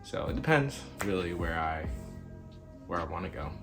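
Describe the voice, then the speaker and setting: A man's voice: low-pitched, expressive, normal speed, over music. A man, introducing himself casually in a laid-back, rambling way. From Queens, New York. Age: early 20s. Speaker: podcast host.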